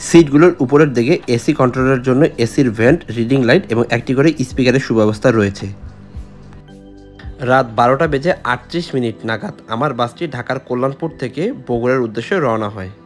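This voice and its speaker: A man giving scripted voice-over narration for a travel vlog, describing the trip as he goes. He talks quickly. Soft music plays under his voice. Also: medium pitch. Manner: descriptive, reviewing. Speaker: travel vlogger.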